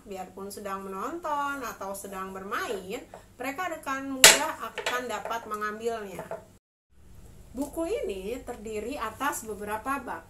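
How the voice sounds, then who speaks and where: A woman's voice: fairly high pitch, sharp tone, recorded from a distance. A woman in her thirties giving instructions to parents as a mother teaching reading, enunciating each phrase carefully. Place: small room at home, indoors. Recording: clear background noise, room ambience.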